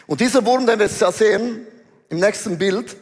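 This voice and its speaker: A high-voiced man with a Swiss German accent preaches from the stage in an animated, slangy style. His voice carries through a large hall with a long, trailing reverb. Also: moderate pace. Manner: animated, mixes in English phrases and slang. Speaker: pastor. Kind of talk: sermon. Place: church auditorium stage.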